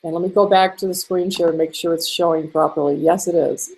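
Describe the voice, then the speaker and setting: A woman walking through a screen-share marketing tutorial in a chatty way, a little hoarse and clearing her throat now and then. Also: lowish voice, fairly even intonation, fairly quick, a little mellow. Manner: chatty, with fillers and small laughs. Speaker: online marketing instructor.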